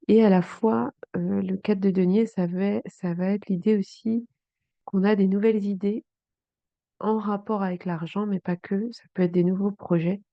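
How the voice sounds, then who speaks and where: A woman reading tarot cards for her viewers, talking slowly and hesitantly with many fillers, addressing the listener directly. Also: medium pitch, dark tone, no room sound. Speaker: tarot card reader. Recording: dry, phone-like sound.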